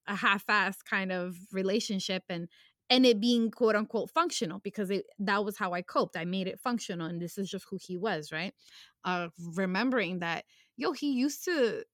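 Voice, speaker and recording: A woman's voice: mid-range voice, fairly bright tone, no echo, clean studio sound. A young woman talking candidly about her past in a personal conversation, emotional and casual, with slang and swearing.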